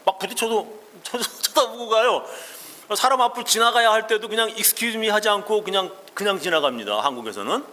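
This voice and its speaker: A man's voice: high voice, lively intonation, moderate pace, pushed and bright. A male pastor giving a sermon, explaining English phrases and telling personal anecdotes. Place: church sanctuary. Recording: long reverb of a church hall.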